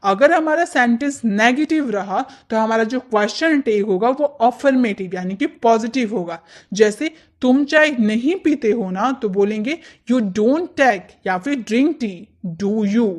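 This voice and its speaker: A woman teaching English grammar, explaining step by step and slowly repeating example sentences. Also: a little high.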